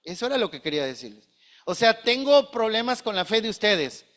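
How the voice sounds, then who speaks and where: A man's voice: high voice, big pitch swings, brisk, fairly bright tone. A man preaching a sermon, earnest and questioning, often addressing listeners as brothers. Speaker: pastor.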